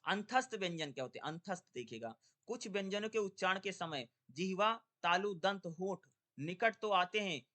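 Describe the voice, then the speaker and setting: A young man teaching an exam-prep lesson, asking rhetorical questions and answering them himself, and drawing syllables out slowly in his drills. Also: high voice, animated, pushed and bright.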